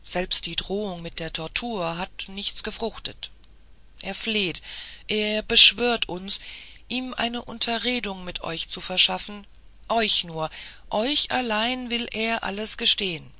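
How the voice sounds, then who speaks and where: A reader voicing an insistent, formal police official who presses a lady with long, courtly appeals, in a slow, gravelly, bright voice. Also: medium pitch, dry recording, exaggerated voice. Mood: persuasive.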